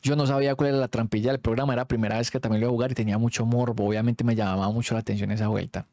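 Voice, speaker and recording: A Colombian man telling a story in a casual, animated way, full of street slang. His voice is dark and mellow, at an ordinary pitch, and recorded close and dry. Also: very fast, dry recording.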